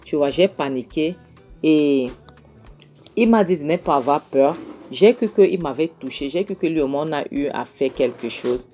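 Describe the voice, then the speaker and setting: A woman's voice: low-pitched, animated, measured pace, mellow, muffled recording, soft background music. A woman casually retelling a film scene by scene, often checking in with the listener as she goes. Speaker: film recap narrator. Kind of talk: casual film recap storytelling.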